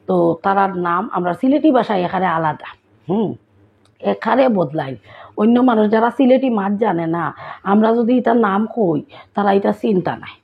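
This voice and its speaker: A woman's voice: mid-range voice, vocal fry, husky. A woman with a Sylheti accent chatting casually to her viewers in a vlog, often checking whether they follow. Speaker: vlogger. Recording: tinny phone-like sound.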